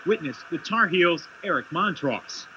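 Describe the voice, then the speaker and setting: Very bright-voiced male sports reporter. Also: fairly high pitch, animated, a little slow, slight background noise. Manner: punchy dramatic narration. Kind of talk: scripted sports voice-over. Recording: dull lo-fi 1990s TV broadcast.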